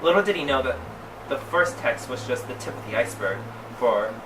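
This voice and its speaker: A man reads fan fiction aloud for comedy with sassy drag queen flair, drawing out words theatrically and adding mock-scandalized asides. His medium-pitched voice has lively intonation. The sound is roomy and distant, with clearly noisy background.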